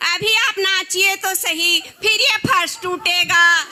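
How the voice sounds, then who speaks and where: A woman's voice: extremely high pitch, fairly even intonation, slow pace, background noise. A woman playing a playful, teasing younger daughter-in-law in an amateur comedy skit. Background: loud music.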